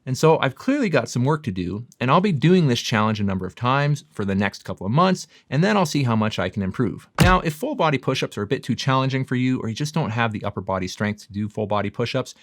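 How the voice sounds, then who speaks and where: A man's voice: medium pitch, expressive, fast, few pauses, dry recording, studio quality. A man presenting as a fitness coach, giving a scripted explainer in an emphatic, upbeat, self-deprecating way. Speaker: fitness coach and video host.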